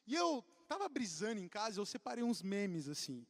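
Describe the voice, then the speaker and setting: A man's voice: high voice, normal speed. A young Brazilian man preaching a casual, joking youth sermon to a crowd. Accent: Brazilian Portuguese. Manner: joking, animated, addresses the crowd. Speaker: youth pastor. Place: church auditorium. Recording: long hall reverb.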